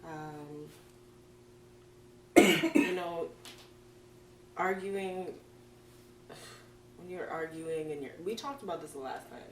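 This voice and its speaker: A blunt, teasing woman co-hosting a casual podcast who laughs easily, with a mid-range pitch. She sounds distant from the mic in a roomy space with a faint hum. Her talk is loose and frank. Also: takes it slowly, long pauses. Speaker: podcast co-host.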